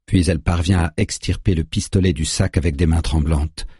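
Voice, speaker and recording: Very husky deep male narrator. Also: fairly even intonation, fairly quick, a little mellow, no echo, clean studio sound. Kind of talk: audiobook narration.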